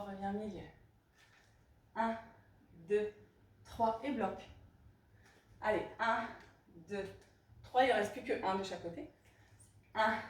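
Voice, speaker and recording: A woman leading a pilates class, counting reps and calling out breathing cues in brisk short commands. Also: mid-range voice. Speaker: pilates instructor. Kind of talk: guiding a live fitness class. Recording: echoey room, voice from far off.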